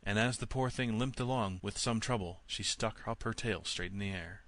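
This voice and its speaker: Reading a scripted fairy tale for an audiobook, a man tells the story expressively and at a measured pace. His voice sits on the low side, and there is no echo.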